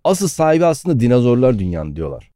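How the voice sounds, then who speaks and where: A man co-hosting a casual comedy podcast in a playful, animated manner. His pitch swings widely while his tone stays mellow and dark, and his fast delivery is caught on a dry, close mic. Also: no room sound. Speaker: podcast co-host.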